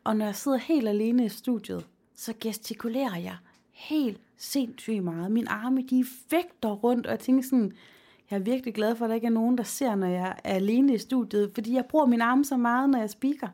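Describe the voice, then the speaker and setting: A woman's voice: a little high, mellow. A woman who co-hosts a podcast and works in radio, talking in a casual chat with teasing quips. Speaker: podcast co-host and radio presenter.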